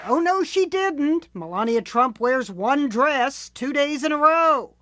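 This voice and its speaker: A woman correspondent delivers a scripted news package with a wry, teasing edge. Her voice sits notably high. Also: expressive, slow, fairly bright tone, dry recording.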